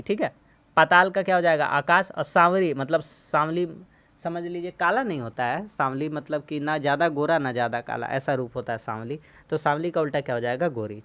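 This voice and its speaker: A man's voice: fairly high pitch, a bit bright, clear, resonant tone, dry recording. Teacher man drilling Hindi words. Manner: asks a question and answers it himself, drills words for repeating; friendly and reassuring, says "ठीक है भैया". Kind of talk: explaining a class 7 Hindi lesson.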